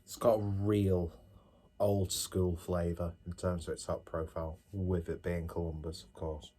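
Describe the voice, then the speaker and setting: A man's voice: low-pitched, little pitch movement, a little slow, warm tone. A man giving a casual tasting review to viewers, musing aloud with chatty, self-deprecating asides. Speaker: beer reviewer, host.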